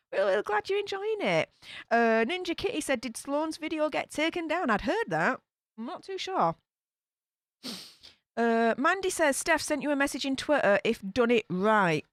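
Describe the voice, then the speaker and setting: On her YouTube live stream, a young Yorkshire woman chats casually, speaking with a Yorkshire English accent, reading out viewer comments and laughing frequently. Her voice sits high with a fairly bright tone, captured cleanly in studio quality without room sound.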